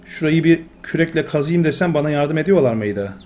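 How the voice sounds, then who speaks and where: A man's voice: fairly high pitch, a little fast. A man commentating his own gameplay, talking to himself and getting exasperated. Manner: talks to himself, excitable, exasperated. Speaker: gamer. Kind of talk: Let's Play commentary.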